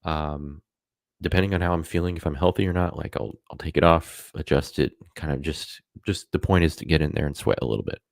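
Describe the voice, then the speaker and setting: A man's voice: very deep voice, fairly quick, vocal fry, no room sound, studio quality. A man talking casually on a live stream, rambling with many fillers and self-corrections.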